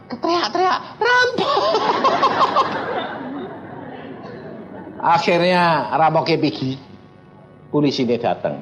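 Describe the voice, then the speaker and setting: A man's voice: very high-pitched, poor audio. An older man preaching with a Javanese Indonesian accent, telling stories animatedly and acting out the voices in them. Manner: animated, acts out voices in his stories, laughs as he tells. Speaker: pastor. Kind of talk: sermon storytelling.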